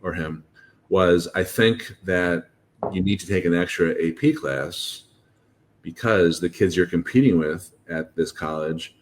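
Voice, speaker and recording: A man with a very low voice hosts a podcast about college admissions. He explains things casually and often stops to restart his sentences. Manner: halting, many restarts and fillers.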